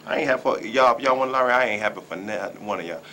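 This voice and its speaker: A man in his forties from Dayton, Ohio jokes and brags at speed on a local talk show, his medium-pitched voice bright and forceful. The comic monologue and banter come from a small indoor room, with a little hiss or hum on the recording.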